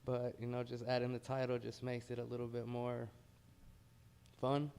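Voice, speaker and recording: A man's voice: medium pitch, monotone, moderate pace, gravelly, warm tone, smooth. An American man, a heavyweight boxer, talking casually and modestly in a pre-fight interview.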